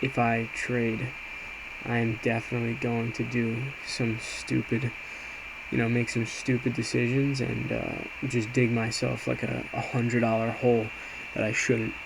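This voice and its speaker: An amateur day trader gives an informal trade recap, talking casually as he walks through a screen, sounding hesitant and self-reflective. His mid-range voice is unhurried, and the recording is clear with steady background noise.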